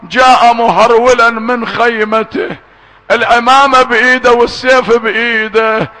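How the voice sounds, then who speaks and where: High, bright-voiced male mourning preacher. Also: little pitch movement, rough recording. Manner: switches between quick speech and slow drawn-out chanting, sometimes shouting. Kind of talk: preaching and chanted lament.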